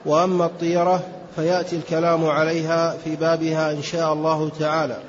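A student reading a classical text aloud in a steady recitation. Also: male voice, fairly high pitch, fast. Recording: dull lo-fi recording with faint hiss.

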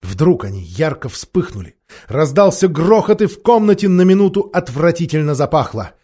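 A man giving an expressive, dramatic reading of a storybook. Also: fairly high pitch, normal speed. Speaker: audiobook reader. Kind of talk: storybook narration.

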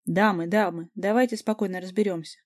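A woman voicing a calm young man trying to settle a fight. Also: mid-range voice, a little fast, dry recording, studio quality, close to an everyday voice. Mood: placating. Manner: placating.

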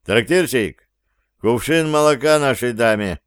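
Man voicing a cool male ringleader, unhurried, teasing, smooth clear tone. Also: mid-range voice, dry recording, studio quality, natural voice. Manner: calm, commanding, mocking. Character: cool, cocky male leader of a gang.

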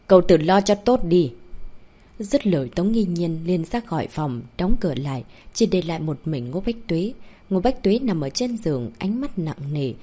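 A woman narrating a novel as an audiobook, reading steadily and slowing down for dramatic moments. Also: fairly low pitch, warm tone, slightly rough.

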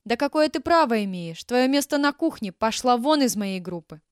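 A woman reader voicing a spiteful older woman teacher, shrill, scornful and defensive, shrieking her replies. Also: lively intonation, moderate pace, clean tone, dry recording, studio quality, close to an everyday voice. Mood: indignant.

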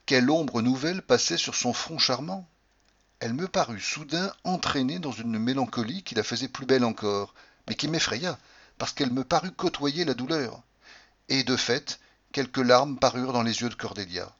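A male narrator reads a classic novel in a measured, expressive way, his voice sitting in the middle of the male range. The recording is dull and lo-fi. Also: medium pitch. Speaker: audiobook narrator. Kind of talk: literary audiobook narration.

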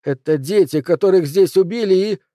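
A man voicing a boy speaking as if in a trance, slowly and quietly, in an audiobook. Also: high voice, no room sound, clean studio sound, voice pushed up, close to an everyday voice. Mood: entranced. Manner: slow, trance-like delivery. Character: entranced boy, slow and hushed.

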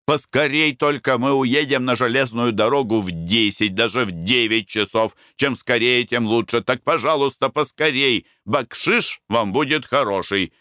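A man voicing a panicky middle-aged husband abroad, fretful and hurried, in a storybook reading. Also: medium pitch, pushed and bright, no echo, studio quality, voice pushed up, lightly acted. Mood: anxious, hurried.

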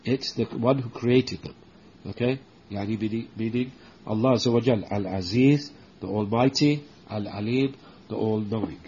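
A man teaching a religious book lesson, explaining slowly with many restarts and checking in with "okay?", and reciting Arabic verses quickly. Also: on the low side, a little mellow, highs cut off, slight background noise. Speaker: Islamic teacher.

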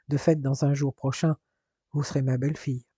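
A man's voice: mid-range voice, flat delivery, a little fast, mellow, slightly rough, no room sound. A man reading aloud voices a protective older father who speaks formally and reassures firmly. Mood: firm, reassuring.

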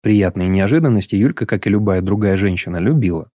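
Male narrator, low dark tone, dry close recording, measured delivery. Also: no echo. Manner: even, measured reading. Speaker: audiobook narrator. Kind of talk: scripted narration.

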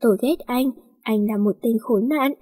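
A woman voicing a furious, heartbroken young woman who answers in sharp, bitter refusals. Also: a little high, normal speed, husky. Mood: angry.

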